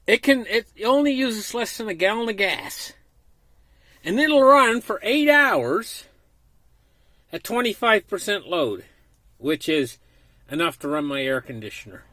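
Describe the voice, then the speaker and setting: Male unboxing vlogger, forward bright tone, swinging intonation, folksy and unscripted, recorded inside a small camper trailer. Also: high-pitched, sing-song, unhurried, long pauses, no room sound, studio quality. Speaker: vlogger presenting a product unboxing. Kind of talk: casual unscripted product walkthrough.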